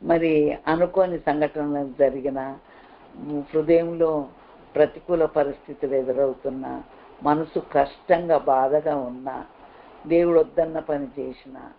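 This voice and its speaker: A man's voice: on the high side, creaky, phone-quality sound, slight background noise. A man preaching a sermon, earnest and repetitive as he exhorts his listeners.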